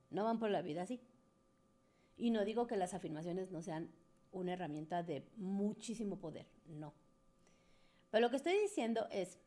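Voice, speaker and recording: A woman's voice: medium pitch, warm tone. A woman, a spiritual coach answering questions from a group in an earnest, coaxing, conversational way. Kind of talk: live Q&A talk to a group.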